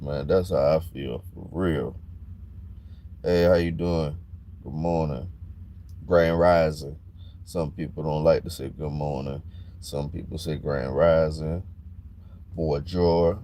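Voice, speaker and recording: A man talking bluntly and casually on a livestream, growing animated when he gets worked up. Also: rumbling low, slight background noise. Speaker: livestream host.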